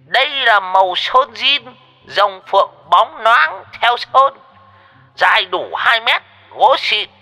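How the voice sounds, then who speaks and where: A man's voice: very high-pitched, lively intonation, takes it slowly, bright, forceful tone, soft background music, pitched above the performer's own voice, exaggerated voice. A man voicing a wild, drunk old man who stammers and makes a mock-pompous sales speech for a coffin. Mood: mock-grand pitch.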